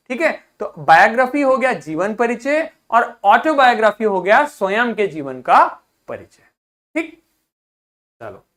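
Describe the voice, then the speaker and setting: A man's voice: very high-pitched, a bit bright. A man teaching a vocabulary lesson to students, explaining word roots in Hindi mixed with English terms, breaking words into syllables and having the class repeat them. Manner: drills pronunciation, breaks words into parts, asks class to repeat. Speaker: school teacher.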